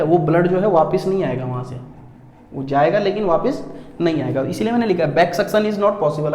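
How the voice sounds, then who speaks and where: A man teaching a lesson to students, asking rhetorical questions while he draws and repeating key words. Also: sits high. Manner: calls students "beta" and often says "theek hai". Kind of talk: classroom-style lesson. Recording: echoey room with faint ambience.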